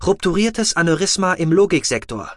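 A rasping medical machine, which a man voices, reads out diagnoses in clipped, flat phrases. Its voice sits higher than a plain speaking voice, and the dry recording keeps every word close. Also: moderate pace, no room sound. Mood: clinical. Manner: flat clinical announcements. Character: rasping male medical robot box.

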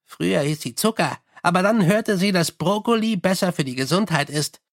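A man putting on a scruffy little corporal for an audiobook, chattering on with cheerful, unbothered eagerness. The voice sits fairly high and bounces upward when he gets keen. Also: lively intonation, normal speed, no room sound, clean studio sound. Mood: chatty. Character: scruffy small male corporal, chatty and cheeky.

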